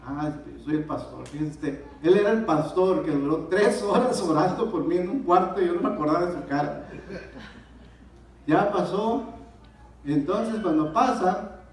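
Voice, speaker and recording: A man with a Mexican accent giving a personal testimony in church, telling his story with lively, acted-out dialogue. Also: sits high, normal speed, a little hiss or hum. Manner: animated storyteller, acts out dialogue. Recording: echoey church hall, distant mic.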